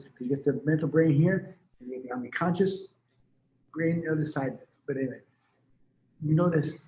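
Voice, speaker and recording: In a dull, lo-fi recording from an echoey room, a man in his 70s who is a healer gives a casual, talkative, rambling interview. His voice leans high with a darkish tone.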